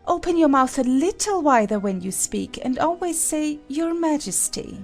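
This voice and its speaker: Bossy storybook queen, creaky voice that swoops all over, imperious and boastful. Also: sits high, expressive, moderate pace, faint music behind. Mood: stern, commanding. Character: haughty, bossy Red Queen, a living chess piece. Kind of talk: dramatized children's audiobook acting.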